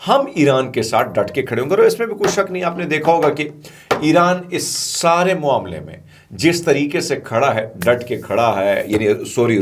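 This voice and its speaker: Pakistani guy doing chatty news commentary, rambling asides, medium-pitched voice. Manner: chatty, digressive, with asides and fillers.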